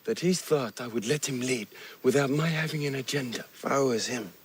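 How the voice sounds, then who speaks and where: An actor playing a wounded, brooding and determined Viking leader in a historical TV drama, gravelly and deliberate. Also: male voice, medium pitch, slight background noise, natural voice.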